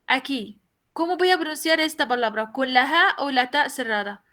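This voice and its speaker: Woman teacher, high bright voice, slow and patient, repeats herself, quizzes the class. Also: expressive. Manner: patient, repeats each point and asks the class questions. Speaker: Arabic teacher. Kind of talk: online language class.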